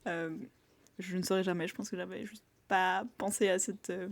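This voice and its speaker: A woman's voice: fairly low pitch, level tone, moderate pace, creaky. A young woman talking through her thoughts in a casual monologue, full of fillers and little acted-out quotes. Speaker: vlogger sharing reflections.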